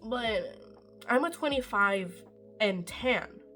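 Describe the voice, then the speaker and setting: Speaking slowly in a slightly high, expressive voice that sounds pushed and bright, a young Norwegian woman chats through a makeup tutorial with faint music behind her. The beauty vlogger is rambling and self-deprecating, and she swears casually.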